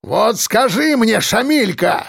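A man's voice: sits high, animated, slow pace, creaky, a bit bright, breathy edge, dry recording, studio quality, pitched above the performer's own voice, full character voice. A man voicing a furious, foul-mouthed middle-aged male mayor who bellows and bullies. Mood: raging. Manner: bellowing, cursing, bullying.

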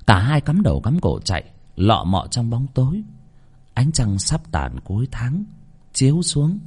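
A male storyteller narrating a folk ghost tale with a lively, highly animated voice. His pitch sits in an ordinary middle range, and he tells it dramatically, leaning into every grim detail. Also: measured pace, slightly rough. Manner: vivid, expressive delivery.

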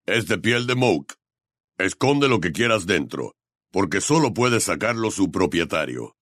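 A man reading an audiobook, voicing a huge, gentle half-giant groundskeeper with a slow, deep rumble. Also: sing-song, dry recording, studio quality, exaggerated voice. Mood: fond. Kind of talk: audiobook character voice.

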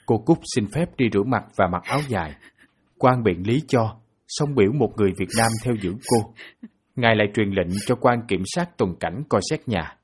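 A man narrating a novel as an audiobook in a steady storytelling manner. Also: lowish voice, normal speed, breathy edge.

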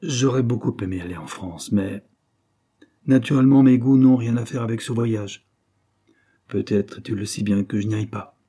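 A man's voice: fairly low pitch, moderate pace, dark tone, breathy edge. A man voicing an earnest, sensitive young male clerk, speaking in a raised, pressing way. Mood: hurt.

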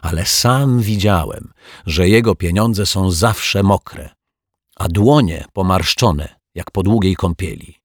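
A man's voice: low-pitched, slow pace, no room sound, clean studio sound. A man voicing a naive, curious male building caretaker in a children's audiobook, asking eager guesses. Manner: eager guessing questions, rising excited.

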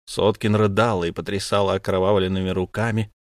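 A man narrating an audiobook in a measured, grave reading. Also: sits low, little pitch movement, dry recording, clean studio sound. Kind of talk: scripted storybook narration.

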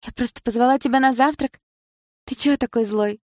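A woman voices a playful, teasing young ex-girlfriend, her natural voice pitched above her own usual range. It's fairly high, a little fast and a little mellow, recorded dry with clean studio sound.

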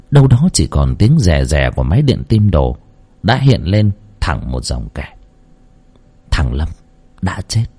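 A man's voice: fairly low pitch, warm tone, husky. A man narrating a horror story dramatically.

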